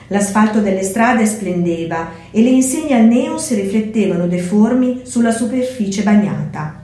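A woman, a preschool teacher, reading a storybook aloud in a clear, measured way. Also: mid-range voice, dark tone. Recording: very echoey room.

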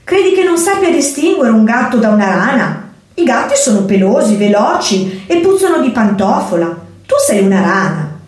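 A woman voicing a big, ugly, dim-witted bird who croaks stubbornly and raises his voice somewhat. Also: on the high side, very animated, normal speed, darkish tone. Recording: echoey room, far from mic.

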